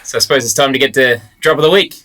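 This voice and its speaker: A man's voice: medium pitch, racing. A man with a broad Australian accent hosting a podcast in a laid-back, matey, casual way. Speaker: podcast host. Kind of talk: casual chat.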